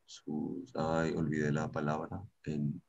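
A man's voice: a bass voice, completely flat delivery, takes it slowly, creaky, muffled recording, crowd noise. A man with a Venezuelan accent teaching English in an online class, switching between Spanish and English, patient and encouraging.

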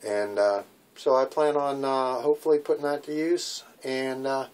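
This casual vlog features a man in his sixties rambling with many fillers inside a small boat cabin, filmed on a phone camera at arm's length. His medium-pitched voice is steady and darkish, moving at normal speed.

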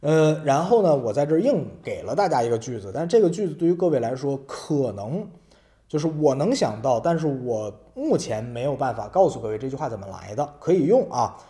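A brisk man with a mid-range, mellow voice and wide swings in pitch teaches English vocabulary in Mandarin. He walks through each point step by step, reads English example sentences aloud, and keeps checking in with tag questions.

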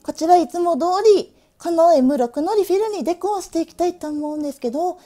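A woman's voice: very high voice, quick pace, warm tone. A woman in her late thirties with a Tokushima Awa-dialect accent, chatting cheerfully to camera in a stationery vlog and laughing often. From Tokushima, Japan. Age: late 30s. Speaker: stationery vlogger. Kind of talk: casual chat to camera.

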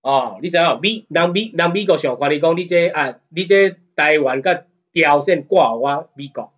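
On a muffled recording, a Taiwanese-accented man with a fairly high voice talks at a moderate pace through an informal law lecture in a mix of Taiwanese Hokkien and Mandarin. He chats with listeners, often asking "you know what I mean?", and his delivery becomes heated and emphatic as he makes his case.

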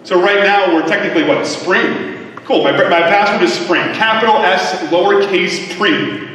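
Guy giving a joking conference talk, highish voice, far off in a big echoey hall. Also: fairly bright tone. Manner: joking, quick asides to the audience. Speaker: conference speaker.

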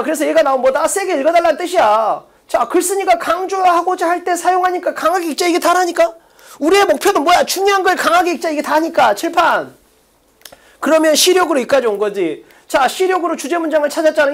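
A woman lecturer with a fairly high voice runs an online exam-prep class. She talks briskly and drills her points, firing off short check-questions. She slips into casual, chatty asides between points.

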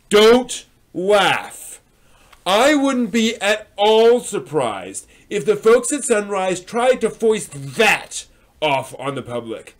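This host, a man in his thirties, has a voice that sits high as he theatrically reads old online posts aloud with emphatic asides, recording from a small room in his home.

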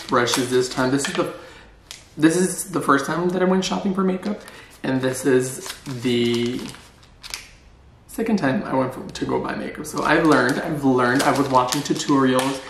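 A playful, talkative man chats through a casual vlog and pokes fun at himself. His voice has a gravelly edge. The room around him is echoey. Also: medium pitch, noisy background. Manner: playful, chatty and self-mocking. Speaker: vlogger. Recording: roomy echo.

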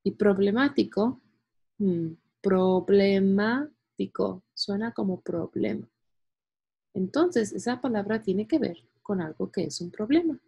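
Woman teacher, children's read-aloud, gentle and explanatory, very slow, gravelly husky voice. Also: mid-range voice, highs cut off. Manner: gentle, explanatory, addresses kids directly.

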